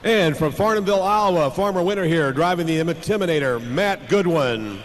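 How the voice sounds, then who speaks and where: A man with a fairly high voice works as a tractor pull announcer. He calls out line-ups live, drawing names out like a showman. The sound rings with long arena reverb over faint noise. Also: animated, moderate pace. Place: large indoor arena.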